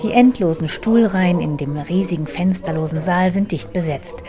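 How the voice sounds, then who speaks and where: A woman reporter giving scripted radio feature narration in a measured, descriptive way. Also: lowish voice, over music.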